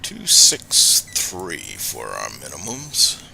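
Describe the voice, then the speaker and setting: A man's voice: low-pitched, wildly swooping pitch, very slow, vocal fry, pushed and bright, a little hiss or hum, rough recording. A man playing a flight simulator as pilot, talking himself through checklist steps in short procedural phrases. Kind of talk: low-key procedural cockpit talk while playing.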